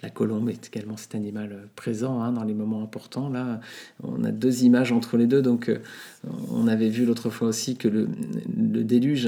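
A man with a gravelly, mellow voice hosts a Bible podcast. He reads scripture aloud and then explains it in an unhurried teaching manner. He often pauses on fillers and adds small asides. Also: medium pitch. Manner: unhurried, many hesitations and asides. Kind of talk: scripture reading and commentary.

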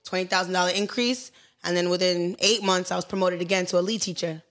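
A woman's voice: on the low side, fairly even intonation, fast talker, fairly bright tone. A woman, a teacher telling stories casually and frankly as a guest, often acting out quotes. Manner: frank, playful, quotes people in dialogue. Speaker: interview guest, schoolteacher. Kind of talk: casual conversational storytelling.

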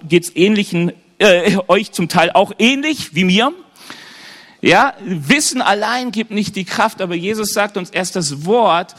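A man with a notably high voice preaches to a congregation. He keeps the tone conversational, often checks in with his listeners through questions, and adds light humorous asides. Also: a bit bright. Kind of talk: sermon to a live congregation.

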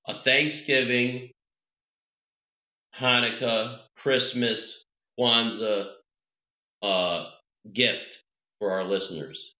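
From a three-season back patio room at home, a man co-hosts a podcast, rambling, joking and interrupting himself with frequent restarts in casual, playful chat. He talks extremely slowly with long pauses, at medium pitch in a steady yet bright, forceful tone. The room is echoey and the sound dull and lo-fi.

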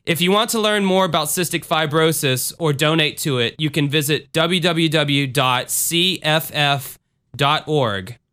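A man's voice: a little high, measured pace, pushed and bright, smooth. A man hosting a podcast in a casual, informal, conversational style, sometimes reading aloud. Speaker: podcast host.

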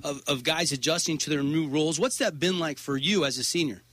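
Man, sports radio host, a bit high voice, dry studio sound, chatty, repeats words. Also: brisk, fairly bright tone, dry recording.

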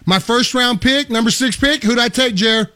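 A man's voice: extremely high pitch, normal speed, bright, forceful tone, no echo. A man co-hosting a sports radio show, teasing and joking in casual banter into a studio microphone.

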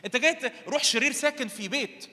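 A man's voice: very high-pitched, very fast, pushed and bright, voice pushed up, full character voice. A man voicing a mocking, sly male devil who taunts a preacher, speaking with an Egyptian Arabic accent. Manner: taunting, mock-welcoming. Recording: long hall reverb.

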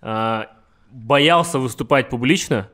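A man's voice: mid-range voice, slow pace. A man from Kazakhstan with a burred r in casual chat, frankly explaining his work as a podcast guest and swearing now and then. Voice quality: burred r, says r softly in the throat. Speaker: podcast guest, network marketer.

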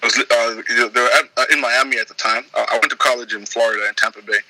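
A young Zimbabwean music producer talks casually as an interview guest, relaxed and rambling, with lots of restarts and fillers. His medium-pitched voice moves at a quick pace against a noisy background.

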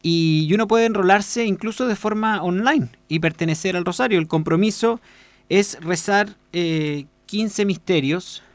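Earnest radio host, dry sound. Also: male voice, high voice, measured pace, dry recording. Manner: unscripted, frequent fillers and restarts, earnest recommending. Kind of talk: casual spoken commentary.

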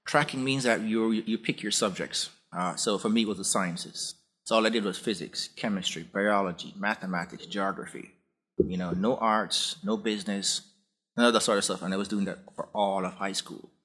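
A Jamaican man in his forties, a guest professor, tells his story in a relaxed, rambling way that often restarts. His voice is slightly low and husky, with a breathy edge. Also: normal speed. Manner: relaxed, anecdotal, frequent restarts. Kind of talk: conversational interview storytelling.

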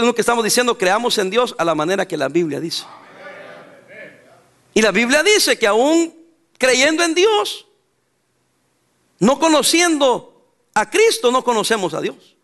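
Salvadoran pastor, man, very high voice, emphatic church sermon with bursts of laughter. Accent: Salvadoran Spanish. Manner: emphatic preaching, mixes laughter and sudden loud outbursts.

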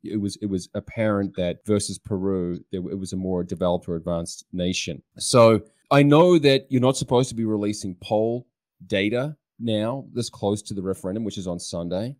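A male podcast host with a lowish voice, relaxed and conversational, asks his guest probing questions. The sound is dry and close, with no room echo. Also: moderate pace. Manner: conversational, inquisitive. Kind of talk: interview.

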